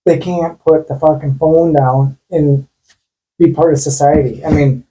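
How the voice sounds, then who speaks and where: A man's voice: on the high side, steady tone, measured pace, mellow, low-quality recording. A man from rural Wisconsin co-hosting a casual podcast, grumbling about modern habits. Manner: grumbling, old-fashioned gripes. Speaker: podcast co-host. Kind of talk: casual chat.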